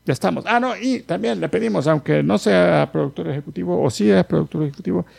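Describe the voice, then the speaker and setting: A man's voice: sits high, quick pace, creaky, husky, no echo. A man hosting a podcast like a playful ringmaster, grandly addressing his audience and slipping in joking asides. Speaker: podcast host and producer. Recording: music bed under the voice. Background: loud music.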